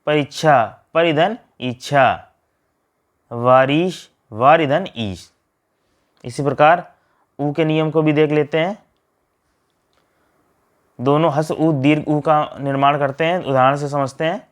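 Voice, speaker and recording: A man teaching a grammar lesson, reading out word pairs and splitting each one in a steady drill. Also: on the high side, slow, long pauses.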